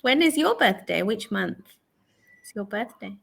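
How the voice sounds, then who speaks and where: An online English tutor from England, a woman in her forties, patiently chats with a young learner in a conversation lesson, repeating the answers back. Her medium-pitched voice is fairly bright with vocal fry, swinging widely in pitch at an unhurried pace.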